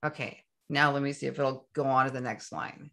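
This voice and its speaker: A woman teaching SEO in a screen-share tutorial, talking enthusiastically and running short of breath from excitement. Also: extremely low pitch, brisk, gravelly. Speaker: SEO instructor.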